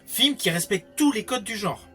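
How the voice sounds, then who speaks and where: A man's voice: high-pitched, animated, moderate pace, a bit bright, soft background music. A man giving a scripted film review, explaining things with emphatic phrasing. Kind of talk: scripted movie review narration.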